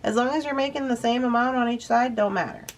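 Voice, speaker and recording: A slightly high-pitched, fast-talking woman guides viewers through beading, chatting comfortably about each step as she goes. She's a touch sniffly, and there's mild background noise.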